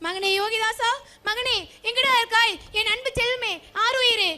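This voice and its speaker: A woman's voice: very high voice, fairly even intonation, brisk, pushed and bright. A school student voicing a grieving queen mother who wails and sobs over her lost son in a stage play. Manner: wailing lament, sobbing.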